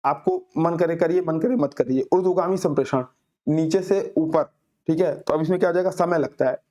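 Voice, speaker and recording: A man teaching an exam-prep class, explaining answers with homely examples and reading questions out slowly. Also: on the high side, mellow. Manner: reads English questions out very slowly, then explains with everyday examples. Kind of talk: Hindi lecture solving exam questions.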